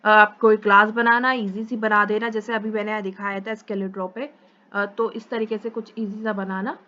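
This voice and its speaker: A young woman teaching programming in a casual, brisk and reassuring lecture, mixing English terms into her speech. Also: mid-range voice, flat delivery, bright, forceful tone. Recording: dull lo-fi recording.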